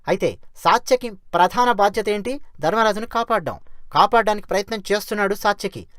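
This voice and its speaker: A storyteller retelling an epic in a lively conversational way, often asking rhetorical questions of the listener. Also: mid-range voice, no echo, clean studio sound.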